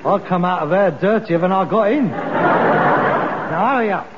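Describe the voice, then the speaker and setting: An old, reverberant broadcast recording with clear noise, featuring a fussy middle-aged son in a sitcom. His London-accented voice swings dramatically up and down. He is theatrical, scolding and exasperated. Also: high-pitched, expressive, measured pace, muffled recording, over a noisy crowd. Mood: exasperated, disgusted. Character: exasperated, fussy grown-up son of old working-class father. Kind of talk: British sitcom acting.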